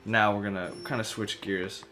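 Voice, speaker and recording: A man's voice: fairly low pitch, flat delivery, normal speed, sharp tone, soft background music. A man co-hosting a let's play, talking in a loose, casual conversational style. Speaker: gaming show co-host. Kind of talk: casual chat.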